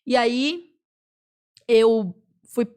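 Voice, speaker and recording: A woman's voice: on the high side, darkish tone, clean tone. Young brazilian woman telling her story. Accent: Brazilian Portuguese. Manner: earnest storytelling with many pauses and fillers. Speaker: podcast guest. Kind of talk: personal testimony in a podcast chat.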